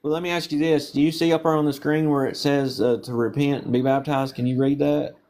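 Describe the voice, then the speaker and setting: A man with a Southern accent and a slightly high voice, asking questions in a casual street interview. He probes patiently and explains with everyday examples. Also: little pitch movement, brisk, darkish tone. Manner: probing, patient, uses homely examples.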